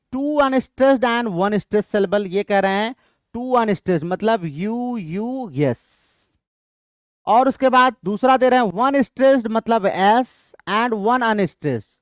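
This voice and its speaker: In a high-pitched voice with an Indian English accent, a man gives an exam-prep lesson, frequently repeating his points and answering his own questions. The sound is studio quality, free of echo.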